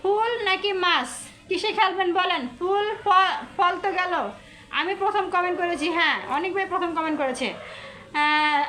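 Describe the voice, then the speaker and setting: A woman's voice: very high-pitched, moderate pace, sharp tone, a little hiss or hum. A woman from Bangladesh, hosting a casual live stream, chatty and repetitive as she teases her viewers. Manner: chatty, repeats herself, teasing viewers.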